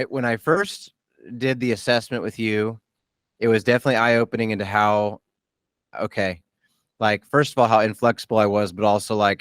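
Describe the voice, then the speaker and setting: A man in his late thirties with a low, smooth, resonant voice, chatting candidly as a podcast host. He talks in a halting, self-deprecating way, circling back and restarting his sentences. The sound is close and dry. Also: a bit bright, no echo. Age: 30s. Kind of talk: casual interview chat.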